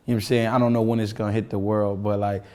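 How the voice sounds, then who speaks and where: A twenty-five-year-old man talks casually with his crew in a relaxed interview. His voice sits a little low, and he keeps filling his sentences with "you know what I'm saying.". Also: rapid-fire, clean tone. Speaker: rapper, crew member.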